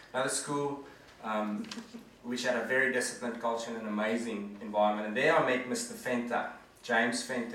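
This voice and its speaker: A South African management consultant in his forties, speaking as a guest, gives an earnest, conversational presentation to an audience. His medium-pitched voice is bright and forceful, picked up from far off in an echoey hall with a little hiss or hum.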